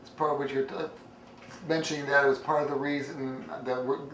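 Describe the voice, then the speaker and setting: A man's voice: mid-range voice, little pitch movement, a little fast, fairly bright tone, roomy sound, recorded from a distance, slight background noise, rough recording. A man hosting a morning interview show, asking loose, rambling questions.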